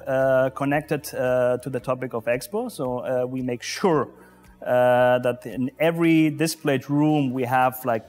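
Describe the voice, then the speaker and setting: Halting man interviewed at an exhibition. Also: mid-range voice, a little mellow. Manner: halting, many filler sounds, non-native phrasing. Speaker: pavilion deputy commissioner general. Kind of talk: interview answers. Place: exhibition pavilion indoors. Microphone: lapel.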